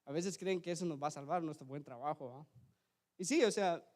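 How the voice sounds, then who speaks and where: A man preaching a sermon in a church, telling a personal story in a conversational way, often asking the brethren to agree and swinging from loud emphasis to quiet asides. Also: on the high side, fairly quick. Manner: conversational, keeps asking ¿verdad? and addressing the brethren.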